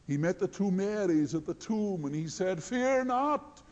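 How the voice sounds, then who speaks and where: Male preacher, high mellow voice, slow and earnest, long hall reverb. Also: highs cut off. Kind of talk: sermon.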